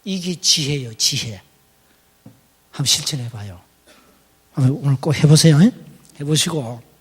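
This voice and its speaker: A middle-aged pastor, preaching a folksy, teasing sermon. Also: male voice, fairly high pitch, animated, normal speed, a bit bright, husky, in a large hall. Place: church hall.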